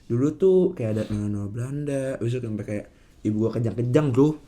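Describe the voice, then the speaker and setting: Young male podcast guest, Jakarta accent, lisped R, slangy and halting casual storyteller. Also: medium pitch, animated, warm tone. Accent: Jakarta Indonesian. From Indonesia, Jakarta. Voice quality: lisped R, cannot roll it. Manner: slangy, hesitant, rambling.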